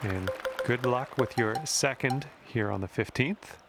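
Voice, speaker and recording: A man playing a calm golf commentator in a video game, encouraging the player directly. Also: mid-range voice, unhurried, natural voice. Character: friendly adult male golf announcer. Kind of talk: scripted golf play-by-play. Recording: game audio with music and crowd. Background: music and crowd noise.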